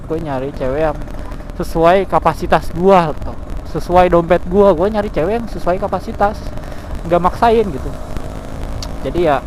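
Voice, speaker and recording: Young man rambling over loud traffic. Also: high-pitched, normal speed, poor audio. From Cianjur, West Java. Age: 20s. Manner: candid, rambling, heartfelt. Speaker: vlogger. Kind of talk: casual confessional chat while riding at night. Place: outdoors on a motorbike at night in town traffic. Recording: loud road and traffic noise.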